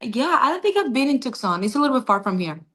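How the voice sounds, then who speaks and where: A woman's voice: high voice, fast. Young woman from Cuba on a video call. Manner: friendly, relaxed, brief answers. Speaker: guest, beauty pageant titleholder. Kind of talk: casual video-call interview.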